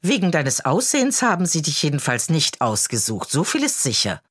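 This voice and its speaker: A woman's voice: low voice, huge pitch swings, normal speed, husky, no echo, clean studio sound, heavily acted. A woman reading an audiobook, voicing a blunt, opinionated old neighbor woman with scorn. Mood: scornful.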